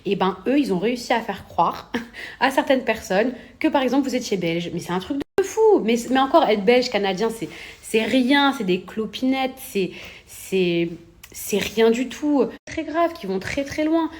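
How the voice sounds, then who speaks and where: A woman's voice: on the high side, animated, moderate pace, a little mellow. Indignant young woman venting to her followers. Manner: indignant, emphatic, repeating words for stress; rising to heated outbursts. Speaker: influencer addressing her followers. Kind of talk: casual monologue to camera.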